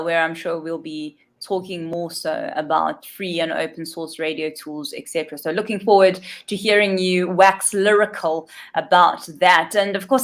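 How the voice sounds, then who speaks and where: A woman's voice: fairly low pitch, fairly bright tone. Upbeat woman moderating a panel. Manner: upbeat, chatty introductions with light laughs.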